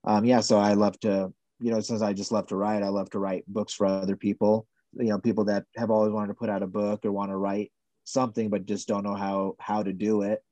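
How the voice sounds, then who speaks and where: Mellow, flat-voiced man talking as a guest. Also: on the low side, dry recording, muffled recording. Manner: soft-spoken, hedging, measured. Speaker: podcast guest, writer. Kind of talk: casual conversational interview.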